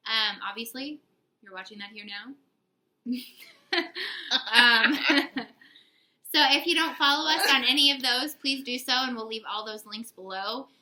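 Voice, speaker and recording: Bright chatty young woman co-hosting a book haul, giggles and teases herself. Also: fairly high pitch, fairly quick, poor audio. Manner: chatty, giggly, self-teasing. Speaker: book channel co-host. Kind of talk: casual book haul chat.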